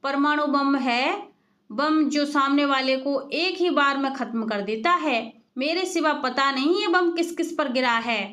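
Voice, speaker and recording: A woman voicing a sharp-tongued village aunt who scolds and mocks. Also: sits high, unhurried. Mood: scolding. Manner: scolding, sarcastic.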